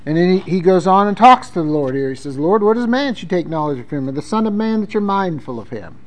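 A man with a high-pitched voice preaches a sermon. He talks conversationally and reads psalms aloud with strong emphasis. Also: animated, fast, poor audio. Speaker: pastor.

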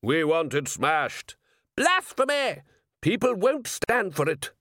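A man's voice: on the high side, big pitch swings, takes it slowly, a bit bright, no room sound, studio quality, voice pushed up, exaggerated voice. A man voicing a pompous, angry older male chief priest who talks in an indignant, blustering way. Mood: outraged.

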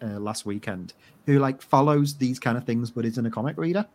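A man co-hosting a podcast in casual chat, rambling and excitable, full of fillers. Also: mid-range voice, a little fast. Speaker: podcast co-host.

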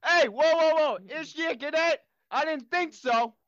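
A woman's voice: high-pitched, moderate pace, no room sound, muffled recording, close to an everyday voice. A woman playing a stern, exasperated training officer who scolds her cadets sarcastically. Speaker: officer in a comedy skit.

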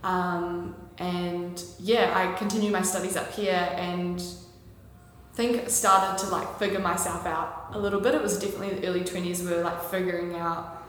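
A woman's voice: lowish voice, level tone, moderate pace. A young woman with a New Zealand accent, chatting casually as a podcast guest, with plenty of ums and likes. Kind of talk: casual conversational interview. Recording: echoey room with long reverb and faint hiss.

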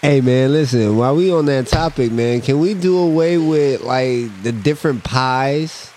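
A man's voice: medium pitch, normal speed, a little mellow, a little hiss or hum. A man co-hosting a casual podcast, telling family stories and ranting playfully with frequent swearing. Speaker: podcast co-host. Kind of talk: casual chat.

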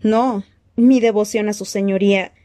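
A woman voicing a nervous, fawning male servant who stammers and rises to a squeaky, panicked pitch. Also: steady tone, normal speed, mellow, no room sound, clean studio sound, close to an everyday voice. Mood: panicky.

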